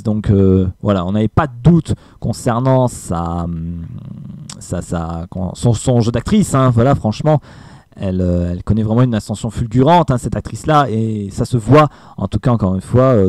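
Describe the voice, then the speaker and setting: A man's voice: fairly low pitch, fairly quick, dark tone, dry recording. A man giving a casual film review, hesitant with many fillers and emphatic asides.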